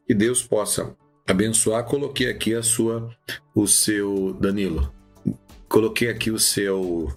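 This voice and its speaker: Gravelly low-voiced preaching teacher. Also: male voice. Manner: animated, many restarts and "tá bom?" checks. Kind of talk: live-streamed preaching lesson.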